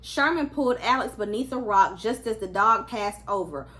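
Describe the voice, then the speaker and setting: A woman's voice: mid-range voice, expressive, normal speed, fairly bright tone. A woman reading a children's story aloud as a storyteller, acting out the characters' lines expressively.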